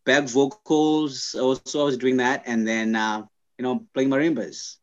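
A man from Zimbabwe, a scientist and guest, telling his life story in casual interview talk, pausing often with fillers and restarts. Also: mid-range voice, steady tone, dull audio. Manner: halting, many "uh" fillers and restarts.

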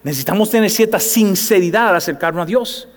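A male pastor preaching a sermon in lively, conversational Spanish, often asking the congregation if they follow him. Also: high voice, fast, long reverb tail. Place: church sanctuary.

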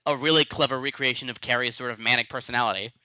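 Bright-voiced man, thoughtful podcaster. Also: medium pitch, fairly even intonation, rapid-fire, smooth, no echo, highs cut off. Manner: thoughtful, hesitant restarts. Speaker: podcast co-host. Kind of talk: casual podcast chat.

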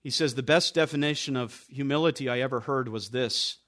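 A man's voice: mid-range voice, a little fast, fairly bright tone. A male pastor preaching a sermon in an earnest, emphatic way, repeating key phrases and often restarting words.

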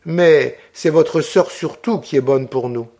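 A man voicing a young peasant girl in an audiobook reading, with an eager, breathless, high-pitched child voice. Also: measured pace, mellow. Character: young peasant girl, timid but loyal.

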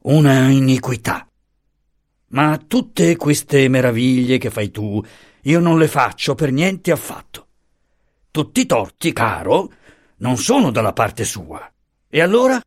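A man voicing a placid, slow-witted old bachelor uncle with a deep, solemn, wheezy voice, speaking slowly and pausing to find words. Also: big pitch swings.

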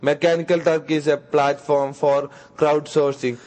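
A man co-hosting a radio show, reading scripted lines in a flat, read-aloud way. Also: fairly high pitch, a little slow.

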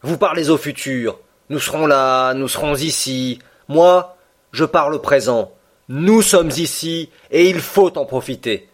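A man voicing a blunt, impatient Canadian harpooner in an audiobook reading, pressing his point forcefully. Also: fairly high pitch, unhurried. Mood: insistent.

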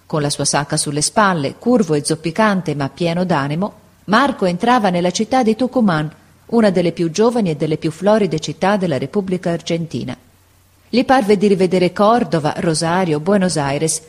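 A woman narrating a classic story aloud in an expressive, measured reading. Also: fairly low pitch.

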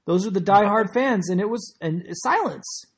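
A male podcast co-host talks in a husky, slightly breathy voice. He tells his stories in an excitable, emphatic way. His casual chat comes through a remote call connection. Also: high-pitched, moderate pace.

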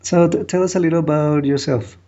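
A man hosting a casual podcast interview, asking simple questions in a halting way. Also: fairly high pitch, steady tone, warm tone. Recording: dull, lo-fi podcast sound.

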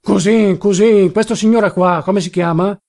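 A man reading an audiobook, voicing a stubborn, drunk middle-aged man with a Turinese accent who shouts slowly. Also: high voice, expressive, vocal fry, exaggerated voice. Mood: insistent. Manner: shouting, slow and slurred.

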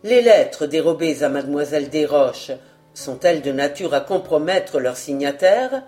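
Woman voicing a stern male detective, grave, categorical, low voice, faint music behind. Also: expressive, normal speed, dark tone.

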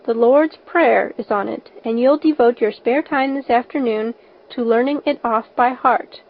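A woman's voice: on the high side, measured pace. A woman voicing a stern, practical older guardian in an audiobook, firm and matter-of-fact, on a slightly dull recording. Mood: stern, commanding. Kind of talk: audiobook character voice.

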